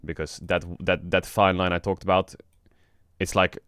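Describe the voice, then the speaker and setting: Low-voiced man, flat and rambling. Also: moderate pace, smooth, no echo, studio quality. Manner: frank and rambling, swears often; flat, low-energy delivery. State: just woke up. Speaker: streamer and esports team owner. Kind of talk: casual stream chat.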